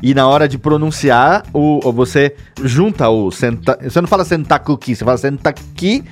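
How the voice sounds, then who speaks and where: A man's voice: mid-range voice, fairly quick, faint music behind. A man hosting a casual chat, joking around as he playfully explains how words are pronounced.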